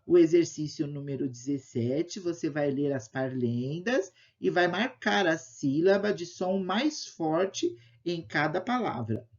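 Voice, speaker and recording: A woman's voice: low-pitched, animated, a little slow, few pauses, darkish tone. A woman teaching a primary school lesson for children in a patient, sing-song teacher's voice. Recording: dull lo-fi home recording.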